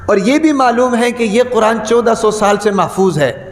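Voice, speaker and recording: A man's voice: sits high, lively intonation. A man giving a Friday sermon, who keeps putting rhetorical questions to the congregation and repeats key words for emphasis. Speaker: preacher. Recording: echoey hall with long reverb.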